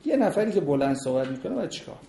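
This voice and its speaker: A man lectures on marriage to a class, moving through numbered points. He acts out short exchanges between spouses to show each one. His voice is mellow, and the room gives it a roomy echo. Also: fairly high pitch, sing-song, creaky, slight background noise. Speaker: marriage counselor teaching a class. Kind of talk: lecture with audience questions. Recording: echoey room.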